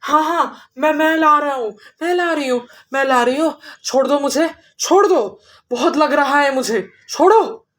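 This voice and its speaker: A woman's voice: sits high, expressive, measured pace. A woman voicing a female witch who posed as a wife, stammering and pleading in a panic. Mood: begging.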